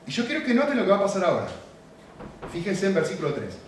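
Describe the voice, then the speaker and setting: Echoey Argentine preacher, slightly high voice. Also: male voice, huge pitch swings, fast talker, recorded from a distance. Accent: Argentine Spanish. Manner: conversational, asks the audience questions. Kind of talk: expository sermon. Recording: echoey hall, mic from afar, faint hiss.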